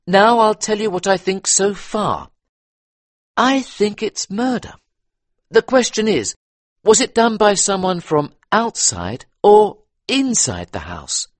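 A man voicing a brisk, talkative male police inspector in a read-aloud detective story, with a raised, eager delivery and a husky edge. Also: high voice, dry recording, pitched above the performer's own voice, exaggerated voice. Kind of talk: audiobook character reading.

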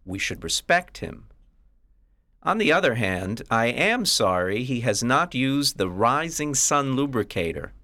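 A man voicing a stern, reasonable middle-aged father in a measured, lecturing manner. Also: mid-range voice, very animated, sharp tone, no room sound, voice pushed up, exaggerated voice. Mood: reproving.

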